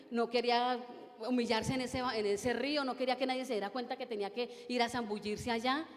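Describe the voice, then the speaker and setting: A woman's voice: on the high side, big-room sound. A woman preacher, delivering an emphatic sermon full of repetition and rhetorical questions. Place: church.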